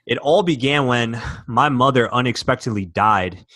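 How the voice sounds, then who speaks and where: A man's voice: medium pitch, moderate pace, a bit bright, dry recording. A young man from Michigan, a podcast guest, telling his personal story earnestly and emotionally, with many fillers and restarts. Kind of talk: candid interview storytelling.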